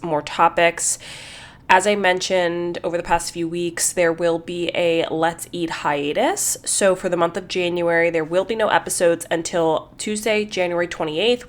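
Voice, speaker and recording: A woman hosting her own podcast in casual solo talk, a little congested, chatty and repeating words as she thinks. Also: on the low side. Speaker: podcast host.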